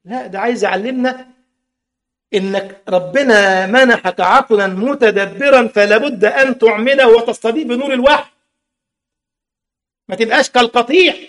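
A man's voice: very high-pitched, moderate pace, a bit bright. A man with an Egyptian Arabic accent preaching a sermon, impassioned, full of rhetorical questions and mocking asides.

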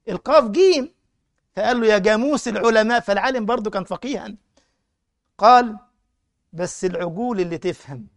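Animated Egyptian preacher, dry sound. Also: male voice, sits high, no room sound. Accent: Egyptian Arabic. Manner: animated, mocking storyteller with laughter. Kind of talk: colloquial sermon with storytelling.

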